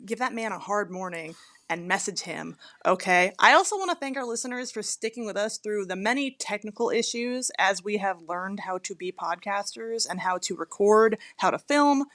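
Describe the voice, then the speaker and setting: A woman's voice: mid-range voice, animated, normal speed, fairly bright tone. Blunt, foul-mouthed woman podcast host. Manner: blunt, profane, teasing. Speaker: podcast co-host, police officer. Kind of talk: casual podcast chat.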